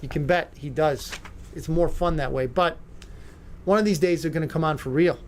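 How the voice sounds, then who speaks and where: A talk-radio host with a notably high male voice delivers sarcastic commentary full of mocking asides. He rambles, leaning on fillers and restarting his sentences, at a moderate pace with slight background noise.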